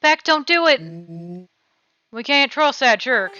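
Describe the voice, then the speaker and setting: A defiant kid from a video game, played by a woman, high and bright. The delivery is loud and cheeky, with music behind it. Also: normal speed. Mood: urgent, defiant. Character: defiant, excitable young kid standing up to a villain. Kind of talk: game dialogue read aloud. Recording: dull, lo-fi mic under game music.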